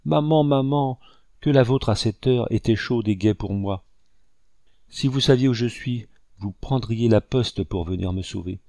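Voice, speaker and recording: A man's voice: mid-range voice, warm tone, no echo, natural voice. A man reading aloud, voicing a frightened, remorseful lost young boy who pleads tearfully. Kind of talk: audiobook character reading.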